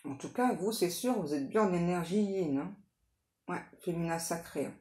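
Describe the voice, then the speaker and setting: A woman giving a casual, improvised tarot reading straight to the listener, halting and repetitive, often adding little tag words for agreement. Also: on the low side, expressive, a little mellow. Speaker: tarot card reader hosting a guidance channel. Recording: echoey room with faint background noise.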